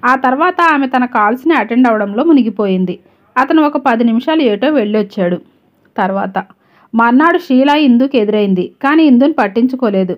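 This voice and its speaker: A woman storyteller reads a scripted story in a steady, even manner. Her voice sits fairly high. The recording is slightly dull and lo-fi. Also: a little fast.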